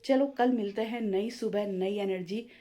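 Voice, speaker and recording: A woman vlogger chats through a family story at a relaxed pace. Her voice is mellow and warm, and she keeps slipping in little "na" and "matlab" fillers as she talks. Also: medium pitch, measured pace. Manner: chatty and homely, peppering speech with "na" and "matlab". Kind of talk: casual storytelling vlog.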